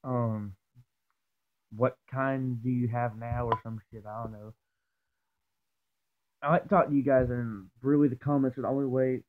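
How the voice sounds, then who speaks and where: A young man with dip tucked in his lower lip, talking in a loose, profane, rambling way in a casual vlog. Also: steady tone, normal speed, long pauses. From Georgia, US. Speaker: vlogger. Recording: tinny phone-like audio.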